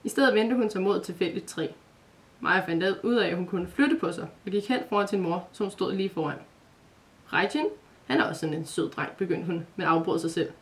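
A woman narrating a children's advent story in a calm, even reading voice. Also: fairly low pitch, distant mic.

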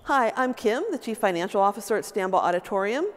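A woman's voice: mid-range voice, animated, fast. A middle-aged woman, a financial officer, giving a fond, sentimental holiday greeting in a large indoor hall on a lapel mic. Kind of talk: casual holiday greeting to camera. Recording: reverberant hall.

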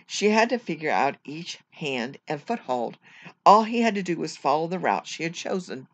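A teacher reading a children's chapter book aloud at home, measured and careful, now and then correcting a slipped word. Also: mid-range voice, big pitch swings. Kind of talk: storybook read-aloud.

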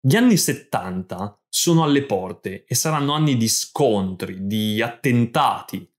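A man reading scripted narration for language learners, telling a story in short, clear sentences. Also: mid-range voice, lively intonation, measured pace. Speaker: podcast host and language teacher.

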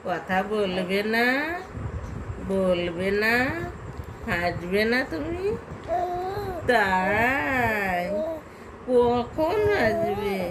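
A young woman at home talking baby talk to her infant, coaxing him with drawn-out, sing-song questions. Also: mid-range voice. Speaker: mother filming her baby. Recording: noisy home phone recording.

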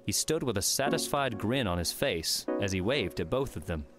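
A man narrating an audiobook in steady, even storytelling. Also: on the low side, normal speed, over music. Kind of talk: scripted narration.

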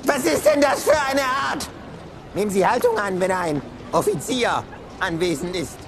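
Cheeky kangaroo barking like a prussian officer, high voice, music behind. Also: male voice, very animated, normal speed, a crowd in the background. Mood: barking, commanding. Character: bossy, cheeky talking kangaroo playing army officer.

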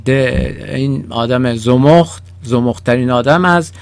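Gravelly-voiced man teaching song lyrics. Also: mid-range voice, no echo. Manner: explains slowly, repeats lyrics word by word. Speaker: English teacher. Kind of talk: song-based language lesson.

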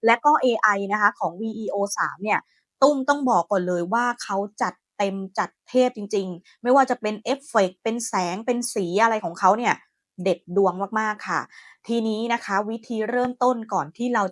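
A woman hosting a software tutorial, chatty and friendly, talking her viewers through each step. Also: medium pitch, no room sound, studio quality. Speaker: AI tutorial host. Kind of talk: screen-recorded software tutorial.

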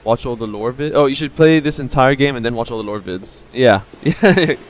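A man's voice: mid-range voice, lively intonation, normal speed. A man in his thirties giving casual, playful live gameplay commentary, thinking aloud as he streams. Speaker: video game streamer.

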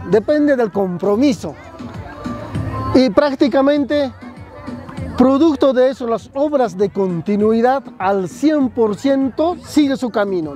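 A man's voice: very high-pitched, mellow. A man, a municipal official at an outdoor fair giving an earnest press interview, listing items and adding tag questions. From southern Peru.

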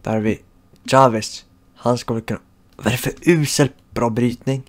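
A man giving live commentary over his football video game, cheering his team and groaning at misses. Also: medium pitch. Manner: excitable, shouts at goals, groans at misses. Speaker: gaming channel host.

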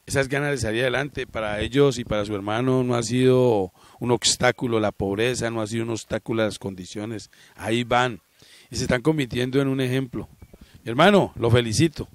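A man's voice: medium pitch, steady tone, fairly quick, dry recording. A middle-aged man, a local TV reporter interviewing outdoors with a handheld mic, earnest and moralizing. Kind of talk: TV interview and commentary. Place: outdoors by a sports ground.

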